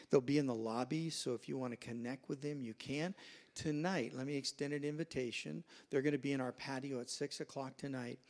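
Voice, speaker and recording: A male pastor preaches to his congregation in a church, telling stories and acting out the people in them. His voice is gravelly and sits at an ordinary pitch, neither high nor low. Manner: storytelling, acts out quoted voices. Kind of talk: sermon. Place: church sanctuary.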